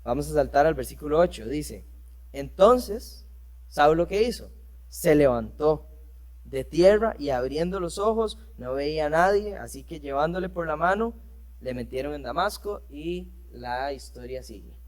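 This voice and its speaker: A man's voice: fairly high pitch, animated, unhurried, a little mellow. A man teaching a church lesson, reading scripture aloud and explaining it with rhetorical questions and frequent fillers. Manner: frequent fillers and self-corrections. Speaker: preacher.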